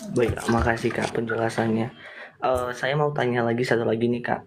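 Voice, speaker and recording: A man politely asking a question, speaking softly and a little hesitantly. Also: mid-range voice, flat delivery, fairly quick, noisy background. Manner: polite, soft-spoken, hesitant.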